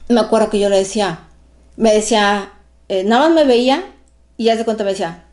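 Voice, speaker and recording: A woman hosts her own online show and shares a personal experience directly with her audience. She talks in an animated, emphatic way. She doubles up her words and keeps checking in with "¿no?". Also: medium pitch, a little fast. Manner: animated, emphatic, tags phrases with "¿no?"; repeats words when excited. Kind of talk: personal storytelling to viewers.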